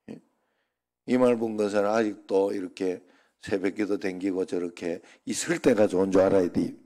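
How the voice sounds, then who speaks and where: Middle-aged man, pastor, dark gravelly voice, loose joking sermon delivery. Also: lowish voice. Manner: chatty, joking, rambling anecdotes. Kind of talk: informal sermon.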